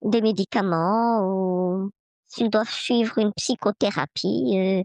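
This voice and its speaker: A woman in her fifties, her voice altered by a voice changer, leaving a measured, hesitant listener message. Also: steady tone, a little mellow, no echo. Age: 50s. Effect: voice changer, pitch-shifted disguised voice.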